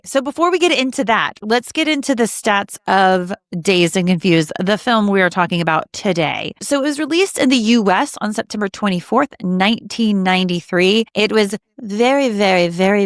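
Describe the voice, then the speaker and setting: A chatty Southern American woman in her thirties co-hosts a film podcast, talking in an animated rush that stumbles and restarts as she goes. Her voice sits at an ordinary middle pitch and is recorded close and dry, with no room sound around it. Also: normal speed, few pauses, no echo. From Southern United States. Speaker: podcast co-host. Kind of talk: casual film podcast chat.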